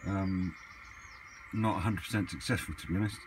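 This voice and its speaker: A deep-voiced man speaking at normal speed thinks aloud hesitantly in a casual, unscripted hobby vlog. The amateur camera audio is clearly noisy.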